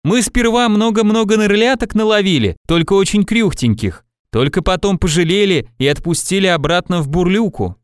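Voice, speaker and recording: A man reading a storybook, voicing an eager, cheeky young village boy who talks excitedly. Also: high voice, moderate pace, hardly any pauses, smooth, no room sound, clean studio sound, voice pushed up. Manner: excited, shouting, giggly.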